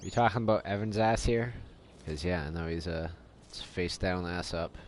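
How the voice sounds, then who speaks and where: Male game streamer, very low voice, laid-back rambling casual commentary, faint noise behind. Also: normal speed.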